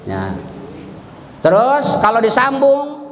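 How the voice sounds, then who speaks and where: At a mosque study circle, a man gives a tajwid lesson, chanting Quran verses and then correcting them. His very high voice swings hugely in pitch and moves slowly. The echoey mosque hall adds long reverb, with a little hiss or hum.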